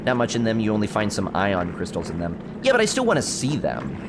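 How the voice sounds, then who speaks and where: A man's voice: fairly low pitch, huge pitch swings, a little fast, noisy background. A young man chatting casually while streaming a survival game, rambling through stories and answering his chat. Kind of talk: casual gameplay commentary.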